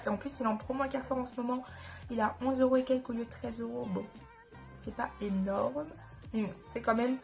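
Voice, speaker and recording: A woman with a fairly high voice talks casually to her viewers like a beauty vlogger. Her nose is stuffy, giving the words a nasal, blocked-up sound. She is informal and keen, rephrasing herself as she goes, with music behind her. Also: creaky. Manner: informal, enthusiastic about products, self-correcting. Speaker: beauty vlogger presenting skincare products.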